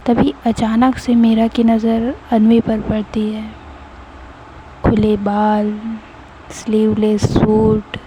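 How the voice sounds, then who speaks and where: A woman calmly narrating an audio story. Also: mid-range voice, slight background noise, rough recording.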